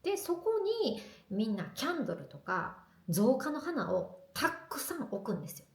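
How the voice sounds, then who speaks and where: A woman vlogging in casual chat to the camera, telling stories in a lively, chatty way. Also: medium pitch, moderate pace, echoey room.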